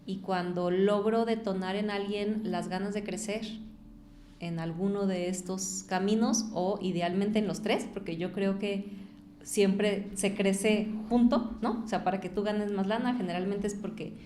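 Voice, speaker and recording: A woman, an entrepreneur and author, talking as a guest in an interview, reflective and growing more lively when she tells stories. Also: mid-range voice, measured pace, a little hiss or hum. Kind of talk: conversational interview.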